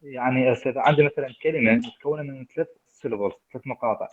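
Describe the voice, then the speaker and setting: A man, a student asking quick, hesitant questions during an online lecture. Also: mid-range voice, a crowd in the background. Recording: tinny phone-like call audio.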